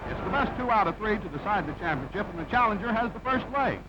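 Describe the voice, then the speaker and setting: Old-newsreel-style sports play-by-play comes from a man whose high voice is expressive and quick, calling the action in punchy present tense. It is heard on a dull, heavily noisy vintage film soundtrack.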